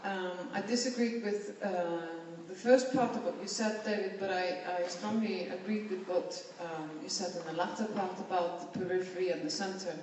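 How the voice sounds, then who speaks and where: A woman's voice: mid-range voice, fairly even intonation, normal speed, few pauses, a little mellow, a little hiss or hum. A woman speaks as a panelist in a conference hall. Her delivery is earnest and full of small repetitions as she thinks aloud. She sounds distant from the mic, with long, roomy reverb around her voice. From Iceland. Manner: earnest, often repeats words while thinking. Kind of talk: panel discussion remarks.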